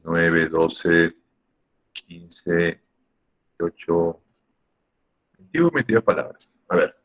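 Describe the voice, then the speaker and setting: Low husky guy teaching a class over a video call, dull lo-fi sound. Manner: patient, explains step by step, asks the class questions. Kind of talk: online class on Spanish grammar. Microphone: computer mic on a video call.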